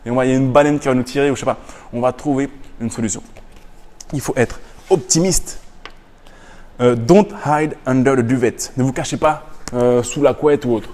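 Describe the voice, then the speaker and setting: A lively man talks straight to his audience, laying out tips one by one. His pitch sits in the middle range for a man, and he keeps coming back to the same phrases for emphasis. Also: quick pace, long reverb tail. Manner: energetic, repeats phrases, mixes English quotes. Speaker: business YouTuber. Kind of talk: casual book summary to camera.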